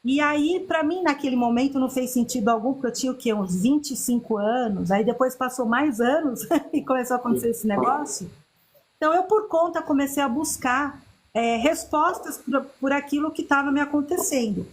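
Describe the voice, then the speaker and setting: A woman, a podcast guest telling her personal story in an earnest, unhurried way. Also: sits high, slight background noise. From Chile. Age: 50s.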